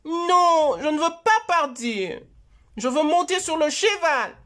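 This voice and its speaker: Storybook kid penguin, very high and bouncy, eager and a little whiny, played by a woman. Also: slow pace, heavily acted. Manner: high childlike voice, excited and pleading.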